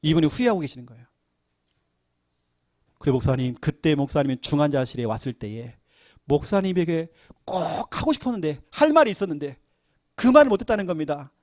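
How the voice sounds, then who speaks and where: A middle-aged man, a pastor, preaching a sermon and telling stories with lively acted-out quotes. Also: a little high, a little fast, long pauses, no room sound, studio quality. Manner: animated storytelling, acting out quoted voices.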